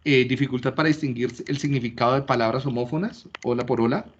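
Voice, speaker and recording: A man's voice: medium pitch, quick pace, a little hiss or hum. Lecturing man, dull lo-fi recording. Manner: explanatory, checks understanding with frequent rhetorical questions. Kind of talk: classroom lecture.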